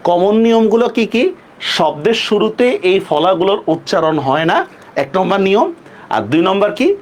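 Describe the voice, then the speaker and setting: A young Bangladeshi man teaching an online pronunciation lesson, asking the class questions and repeating words slowly to show how they sound. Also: high-pitched. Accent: Bangladeshi Bengali.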